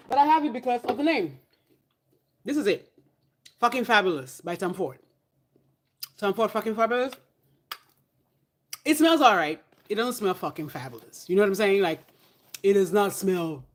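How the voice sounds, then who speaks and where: A woman vlogger chatting casually to camera about perfume, candid and animated, with playful asides and the odd whisper. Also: mid-range voice, a little hiss or hum.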